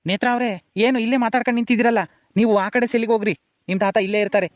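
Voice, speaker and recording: A blunt police constable, played by a man who states the rules quickly. He speaks in a fairly high, monotone voice, and the recording is dry. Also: dry recording. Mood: firm. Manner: matter-of-fact, laying down rules. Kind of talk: village family drama acting.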